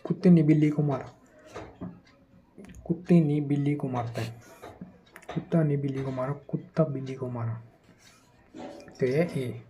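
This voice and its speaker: Mellow-voiced man teaching grammar. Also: medium pitch, highs cut off, slight background noise. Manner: conversational teaching, reads questions slowly, quickens to warn. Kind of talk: exam prep grammar lesson.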